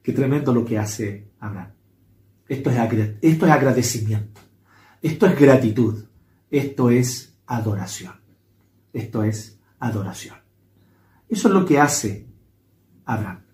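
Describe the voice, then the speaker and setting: A man's voice: medium pitch, measured pace, long pauses, darkish tone. A man preaching a sermon as pastor, emphatic and fond of repeating his phrases. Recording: echoey room.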